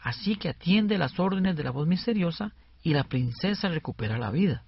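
Male co-host, gravelly and husky, radio lesson. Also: fairly high pitch, lively intonation, normal speed, dry recording. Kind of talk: scripted educational radio. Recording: dull lo-fi radio recording.

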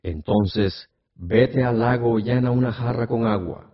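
Mysterious spirit voice by a man, slow and hushed, husky, lo-fi radio tale. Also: mid-range voice, natural voice. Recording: dull lo-fi radio recording.

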